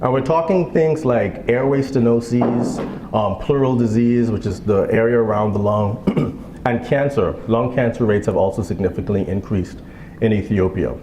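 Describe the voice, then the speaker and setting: A man from the Bahamas in his thirties, a physician giving a fundraiser speech with a relaxed manner and joking asides. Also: on the low side, normal speed. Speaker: guest speaker, physician. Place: event hall. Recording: echoey hall with background noise.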